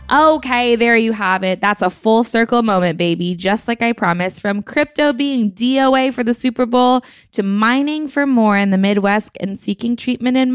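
A woman's voice: mid-range voice, smooth, no echo, clean studio sound. A woman hosting a podcast, giving scripted comedic commentary on the news in a wry, playful way with sarcastic asides. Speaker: podcast host.

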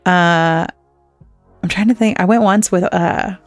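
A woman's voice: on the low side, a little slow, dry recording, soft background music. A woman co-hosting a podcast, telling stories in casual chat with lots of "like" and free swearing. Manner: chatty storyteller, swears freely, lots of "like". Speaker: podcast co-host.

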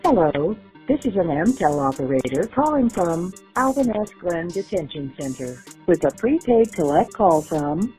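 A woman's voice: lowish voice, very animated, normal speed, hardly any pauses, mellow, poor audio. A woman's automated operator voice giving scripted, segmented prompts for a collect payphone call. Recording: payphone call recording, music underneath.

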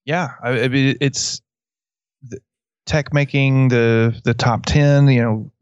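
A man's voice: medium pitch, steady tone, takes it slowly, clean tone, no echo, highs cut off. A man with a West Texas twang chatting casually about sports as a podcast co-host. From West Texas, USA.

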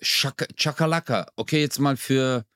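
A man's voice: mid-range voice, moderate pace, clean tone, dry recording, studio quality. Slangy joking young man. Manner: joking, slangy, animated storytelling. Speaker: podcast co-host. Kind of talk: casual comedy chat.

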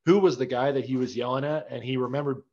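A man's voice: medium pitch, steady tone, fast talker, darkish tone. Casting: young man, podcast host, easygoing rambler, slightly muffled lo-fi sound. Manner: laid-back, filler-heavy rambling. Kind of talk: casual sports chat. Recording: slightly dull lo-fi audio.

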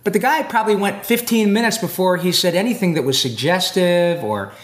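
High-voiced and fairly quick, a guest voice actor rambles through long stories in a casual interview on a convention floor. He's animated, with frequent fillers and restarts.

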